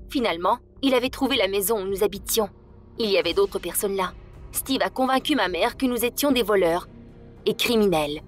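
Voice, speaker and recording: A woman narrating a first-person story in an emotional, dramatic way. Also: fairly high pitch. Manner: dramatic, emotional delivery that rises in tense moments.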